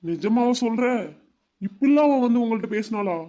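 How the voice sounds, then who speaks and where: A man's voice: extremely high pitch, animated, normal speed, warm tone. A man voicing a heartbroken, earnest young village man in a cartoon, pleading and sincere. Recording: dull lo-fi sound.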